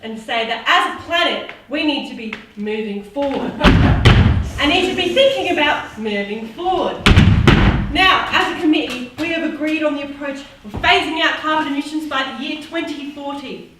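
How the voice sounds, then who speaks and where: A woman's voice: high-pitched, normal speed, lightly acted. A teen girl as an earnest summit speaker. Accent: Australian. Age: teens. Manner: formal, earnest speechmaking. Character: earnest female committee leader giving a policy speech. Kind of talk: student stage comedy. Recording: echoey hall, far mic, loud noise.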